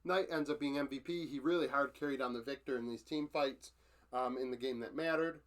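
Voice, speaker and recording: A man's voice: mid-range voice, fairly quick, a bit bright. A man giving a casual recap of esports matches from his notes, matter-of-fact, with frequent fillers and self-corrections.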